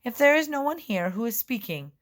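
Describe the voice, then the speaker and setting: A woman's voice: fairly low pitch, animated, normal speed, a bit bright. A woman voicing a bald, wary farmer in an audiobook, stern but a little shaky.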